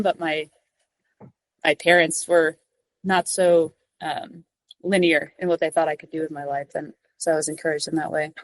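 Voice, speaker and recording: Speaking from her office cubicle, a young woman from New York City fields interview questions as a podcast guest; she works as a mountain guide. Her voice sits on the low side in a dry, rough recording, and her thoughtful replies lean heavily on "like" and false starts.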